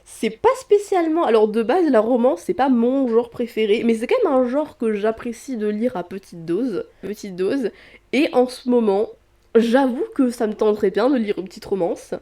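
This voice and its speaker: A woman's voice: a little high, expressive, moderate pace, warm tone. A young woman vlogging casually about books in a chatty way, full of hesitations and restarts, in a room with traffic outside. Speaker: book vlogger. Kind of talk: casual vlog chat.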